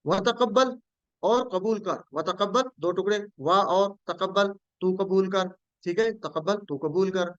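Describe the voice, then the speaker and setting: A male teacher with a high, smooth, clear voice leads a Quranic Arabic lesson over a video call. He works through each word patiently, repeats himself and quizzes his students. The audio is dry and dull, like lo-fi online class sound. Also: a little slow, fairly bright tone, no echo.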